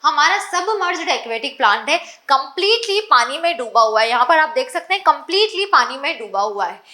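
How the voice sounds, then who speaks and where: Woman teacher, high voice, bright tone, quizzing herself as she explains. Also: very animated, brisk. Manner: keeps asking rhetorical questions and answers them herself; repeats key points. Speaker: biology teacher. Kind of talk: exam-focused lecture.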